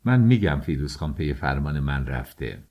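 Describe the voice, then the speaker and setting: A man reading an audiobook, voicing a calm, scheming young married woman who speaks firmly and coaxingly. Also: very deep voice, lo-fi sound, pitched below the performer's own voice, exaggerated voice. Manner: firm, coaxing.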